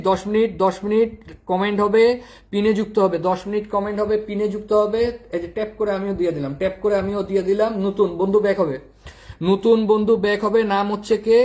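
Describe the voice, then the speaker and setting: Male live streamer, high voice, rapid, repetitive delivery. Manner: quick, repetitive, addresses commenters by name. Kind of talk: live stream chat with viewers.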